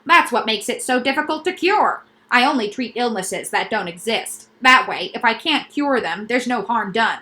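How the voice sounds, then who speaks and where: A woman's voice: a little high, lively intonation, moderate pace, few pauses, bright, forceful tone. A woman voicing a fussy male doctor who eagerly sells noise remedies, talking in an emphatic, salesman-like way. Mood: smug.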